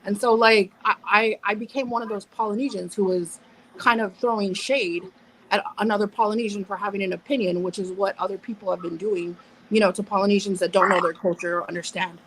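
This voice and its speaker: Speaking fairly quickly at a medium pitch, a woman in her thirties sounds a bit bright, keeping her intonation fairly even. As a guest in a casual live panel chat, she's blunt and profane, restarting herself and over-explaining. There's slight background noise on a rough recording.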